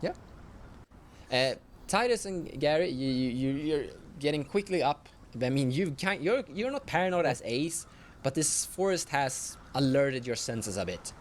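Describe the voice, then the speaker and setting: A man narrating as game master of a tabletop horror game, in slow, halting speech with self-corrections. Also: fairly high pitch, animated, slight background noise.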